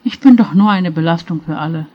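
A lonely, resigned woman, played by a woman reading the story speaks of feeling useless in a downcast way. Her lines come a bit louder than the surrounding narration. The recording is slightly muffled. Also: sits low, fast talker. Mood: sad. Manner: sad, resigned.

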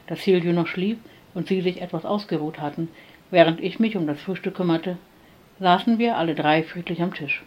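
A woman narrating a first-person story in a soft, calm reading voice. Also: lowish voice, dull audio. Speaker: audiobook narrator.

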